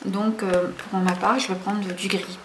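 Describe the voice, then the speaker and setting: A woman's voice: mid-range voice, little pitch movement, unhurried. A woman hosting a casual craft tutorial, chatty and hesitant, full of fillers and self-corrections. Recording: roomy echo, faint background noise.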